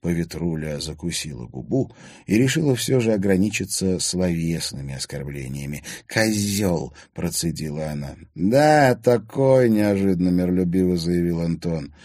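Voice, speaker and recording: A man narrating an audiobook in a steady, measured storytelling manner. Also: sits low, no echo, studio quality.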